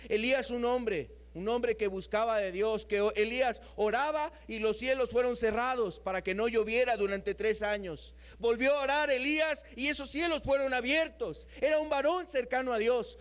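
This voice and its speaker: Earnest high-voiced male preacher. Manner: earnest, repetitive, drops to a soft low voice on key phrases. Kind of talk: sermon.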